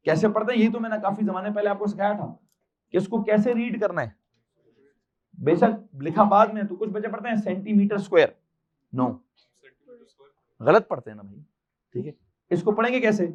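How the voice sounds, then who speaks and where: A man's voice: high voice, darkish tone, muffled recording. A male physics teacher with a Pakistani Urdu accent, lecturing a class and quizzing the students with repeated questions.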